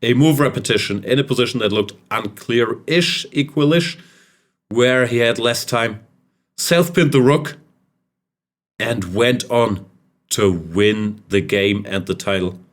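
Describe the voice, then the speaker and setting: A man's voice: medium pitch, measured pace. A man hosting a casual chess podcast, wry and joking as he introduces guests and recaps games. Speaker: podcast host.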